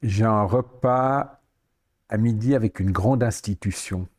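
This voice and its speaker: A man in his sixties with a Swiss French accent, a podcast guest telling lively anecdotes and acting out the dialogue he quotes. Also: on the low side, unhurried. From Switzerland. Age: 60s. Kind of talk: storytelling interview.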